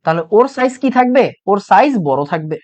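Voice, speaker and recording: This young man's voice is high-pitched and a little mellow, with lively intonation and a fairly quick pace. Teaching chemistry online with a throat sore from loud talking, he goes over every point twice and quizzes the class.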